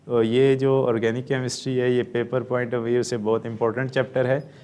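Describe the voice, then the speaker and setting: A man with a Pakistani Urdu accent teaching a chemistry lesson, explaining step by step and answering his own questions, with frequent "uh" pauses. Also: medium pitch, flat delivery, a little mellow, clear, resonant tone. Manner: often says "uh". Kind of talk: classroom lecture.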